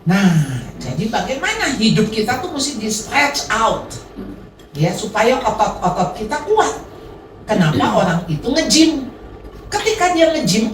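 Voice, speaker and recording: Lively woman pastor preaching in an echoey hall. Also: on the high side, recorded from a distance, slight background noise. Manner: lively preaching, addressing the congregation directly. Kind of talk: sermon. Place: church hall.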